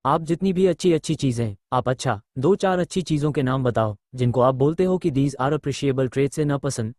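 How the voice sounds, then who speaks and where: A man's voice: fairly high pitch, darkish tone, no room sound, clean studio sound. A man, a spiritual teacher, answering audience questions bluntly and posing rhetorical questions.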